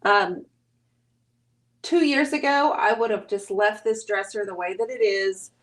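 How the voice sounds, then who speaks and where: A woman's voice: mid-range voice, measured pace. A woman hosting a live painting stream, chatting casually, greeting viewers by name and teasing her husband as she works.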